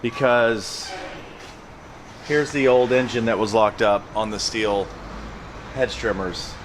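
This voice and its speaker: A man's voice: fairly low pitch, steady tone, slow pace, a little hiss or hum. A man running a landscaping business talks casually to a handheld camera, plain-spoken and emphatic, often repeating his phrases. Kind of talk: casual vlog talk to camera.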